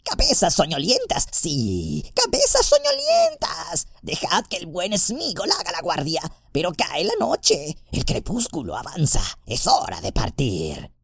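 A miserable, split-minded creature in a storybook reading, low and gravelly one moment and squeaking high the next. The voice is husky and wheedling, and it drags its words out slowly. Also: male voice, huge pitch swings, a bit bright, no room sound, studio quality, exaggerated voice. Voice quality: creaky, raspy, wheedling. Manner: swings from a low mutter to shrill squeaks. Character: wretched hobbit-like creature torn between two selves. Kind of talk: audiobook character voice.

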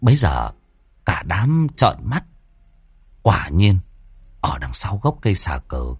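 A man narrating a comic story in a lively, expressive way. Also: lowish voice, husky, no echo.

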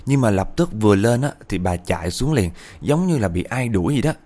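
A man telling a ghost story in a chatty, animated way, often speaking to his listeners. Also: fairly low pitch, brisk. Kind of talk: casual ghost-story narration.

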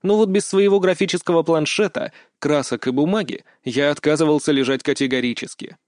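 A man narrating a first-person audiobook in a measured, wry storytelling manner. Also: a little high, darkish tone, dry recording, clean studio sound.

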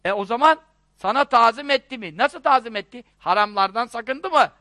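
Brief: male preacher, high bright voice, rhetorical and animated delivery. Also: moderate pace, dry recording, studio quality. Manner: animated, rhetorical questions, mock dialogues. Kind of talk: religious lecture.

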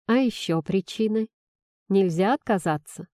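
A woman reading a romance audiobook, voicing a confident, coaxing male doctor in a soft, hushed tone. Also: medium pitch, unhurried, no room sound, clean studio sound, close to an everyday voice. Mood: tender coaxing.

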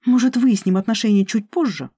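The audiobook narrator voicing a young female student who protests loudly and with rising indignation. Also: mid-range voice, fairly quick, husky, no room sound, clean studio sound, voice pushed up, natural voice. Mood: indignant. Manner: raised, protesting voice. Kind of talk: audiobook character reading.

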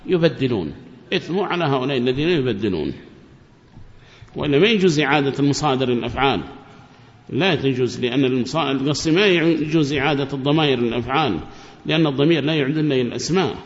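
Guy lecturing, voice a bit high, dull muffled tape with a long echo. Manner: repeats key phrases, explanatory. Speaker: religious teacher. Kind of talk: classroom lecture on Quranic rulings. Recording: dull, echoey lecture recording.

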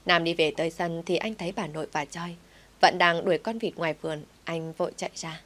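A woman narrating an audio story in a steady, plain reading voice. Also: lowish voice, brisk.

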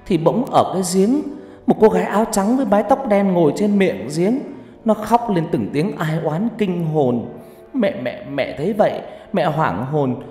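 Narrator doing village mother, higher voice, shrill, stammering, anxious, echoey reverb. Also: mellow. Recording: echoey reverb with background music.

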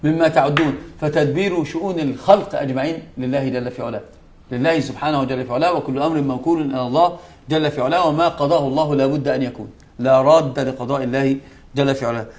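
This sheikh's male voice is mid-range, steady in tone and a little mellow as he teaches students a religious lesson. He speaks emphatically, repeating key words and quoting scripture, with quick asides to the class along the way.

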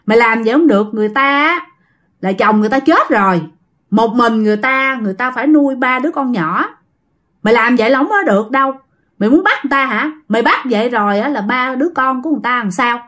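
A woman's voice: a little high, expressive, quick pace, fairly bright tone. A woman voicing a stern male exorcist who scolds and commands a spirit. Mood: scolding.

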